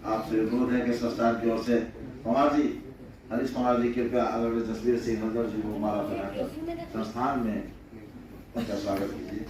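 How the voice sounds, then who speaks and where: A man's voice: lowish voice, flat delivery, normal speed. A man emceeing a competition, making courteous, formal stage announcements in a large hall. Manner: courteous, honorific-laden requests. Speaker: event emcee. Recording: echoey hall from far off, noisy.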